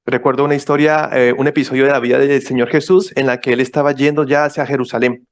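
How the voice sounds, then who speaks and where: Guest speaker at a church service, a man of middle pitch, methodical and explanatory, often repeating himself for emphasis. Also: steady tone, quick pace. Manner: explanatory, repeats key points, checks in with listeners. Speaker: visiting ministry speaker. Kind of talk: church presentation.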